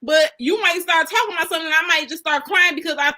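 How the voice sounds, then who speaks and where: A woman co-hosting a casual chat show, animated and emphatic in her arguments. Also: very high-pitched, fast talker. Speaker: co-host.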